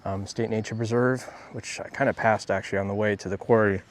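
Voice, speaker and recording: Low-voiced man rambling outdoors. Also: fairly quick, slight background noise. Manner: relaxed, rambling, many ums. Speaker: nature photographer vlogger. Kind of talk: casual walk-and-talk vlog narration. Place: outdoors on nature trails.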